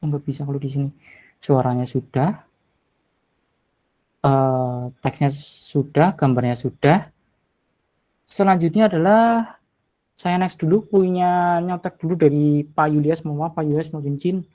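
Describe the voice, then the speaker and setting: Unhurried and leaving long pauses, a man with a voice on the high side presents an online teacher-training tutorial from home one evening. He's chatty and apologetic, thinking out loud as he clicks through the screen, and the audio is dull.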